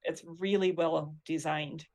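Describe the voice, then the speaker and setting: Gravelly-voiced woman professor explaining. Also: low voice, fairly even intonation, unhurried, a little mellow. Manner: explains patiently with teacherly asides. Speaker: linguistics professor, guest. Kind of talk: casual interview chat.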